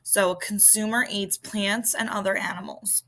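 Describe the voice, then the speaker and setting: Heard through a low-quality recording, a woman's mid-range voice stays fairly even and somewhat bright at a moderate pace. She's a teacher from the Philadelphia area of the US with the local accent, informally explaining vocabulary and speaking directly to students in a recorded lesson.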